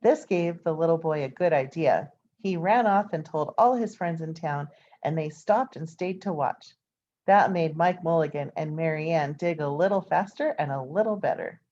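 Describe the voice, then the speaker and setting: In a fairly low, very mellow voice, a storybook reader reads a children's picture book aloud at a moderate pace. She tells it expressively and adds informal asides, over a slightly dull, lo-fi recording.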